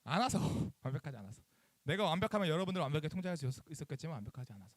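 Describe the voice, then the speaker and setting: A male youth pastor giving a sermon to middle schoolers, animated, acting out phone calls and quizzing the kids. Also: a little high, racing, no echo, clean studio sound. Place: church chapel.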